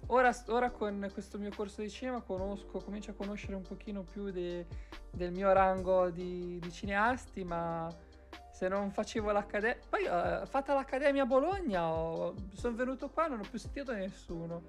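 A woman's voice: mid-range voice, moderate pace. A young adult woman, chatting casually on a live stream in an emphatic, rambling way, repeating words for stress. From Carrara, Italy. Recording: background music behind voice. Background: music.

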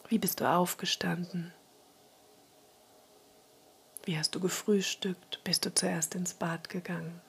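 A woman guiding a relaxation meditation in a soft, soothing spa-like whisper, breathy and husky. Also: fairly low pitch, little pitch movement, moderate pace. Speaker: relaxation exercise guide.

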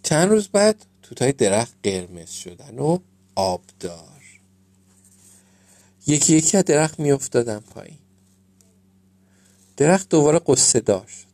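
A man reading a children's story aloud as storyteller, gentle and measured. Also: medium pitch, sing-song, no echo.

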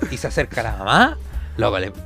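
A man's voice: on the low side, huge pitch swings, a little fast, gravelly, pushed and bright, soft background music. A young Chilean man telling rambling stories full of slang in a casual chat.

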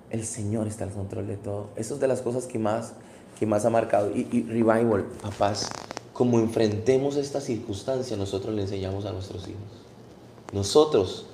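A man's voice: on the low side, creaky, dark tone, slight background noise. A man in his thirties preaching a sermon with passion, repeating words and acting out scenes as a pastor. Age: 30s. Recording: echoey room.

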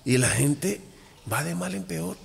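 A man, a voodoo priest, talking as a podcast guest, animated, acting out little dialogues and repeating phrases. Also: on the high side, measured pace, creaky. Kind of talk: casual podcast talk. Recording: long echoey reverb.

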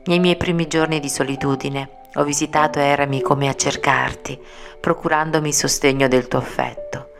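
A woman's voice: low-pitched, steady tone. A woman reading a frail, serene young woman. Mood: tender, resigned. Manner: soft, slow, tender speech. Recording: music playing clearly behind.

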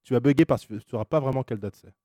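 A man's voice: mid-range voice, racing, dark tone, faint music behind. A man in his twenties hosting a blind test in casual chat, teasing and playful, laughing often. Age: 20s. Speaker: radio host running a blind test.

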